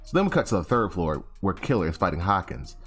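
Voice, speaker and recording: Young guy, deep voice, bouncy delivery, slangy recap with lots of self-corrections. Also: sing-song, quick pace, a bit bright, faint music behind. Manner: rambling, slangy, self-correcting, acts out quotes. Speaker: anime chapter reviewer. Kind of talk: casual recap.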